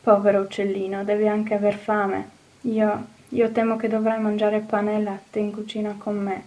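Anxious young housemaid, exclaiming and fretful, played by a woman narrator, warm mellow voice. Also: mid-range voice, monotone, moderate pace, natural voice. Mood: worried, kind. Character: flustered young housemaid, kind but anxious. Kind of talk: audiobook character voice.

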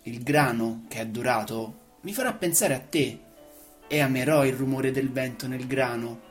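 A woman's voice: very deep voice, normal speed, soft background music. A woman voicing a wise, wistful fox who longs to be tamed, speaking earnestly and explaining. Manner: earnest, explaining, a little louder.

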